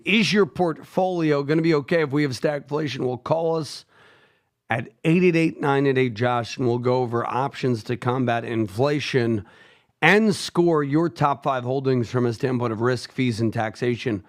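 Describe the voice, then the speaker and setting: A man hosts a radio call-in show in a mid-pitched voice. He explains topics at a steady, even pace and keeps repeating the number for listeners to call.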